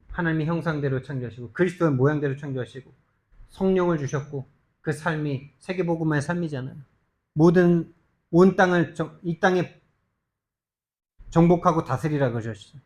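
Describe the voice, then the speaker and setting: A male pastor preaching a sermon, emphatic and full of rhetorical questions, swinging between loud urgent stretches and soft low asides. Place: church sanctuary.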